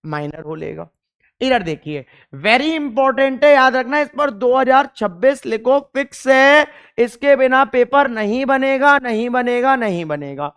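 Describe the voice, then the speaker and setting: A man's voice: very high-pitched, animated, unhurried, a bit bright, smooth. A young man teaching chemistry in an exam-focused lecture, emphatic, repeating key points and firing questions at the class.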